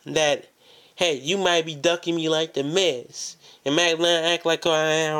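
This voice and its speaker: Man cutting a confrontational wrestling promo, higher-pitched voice. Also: a bit bright. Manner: confrontational, boastful, repeating phrases for emphasis. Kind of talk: wrestling promo, calling out an opponent.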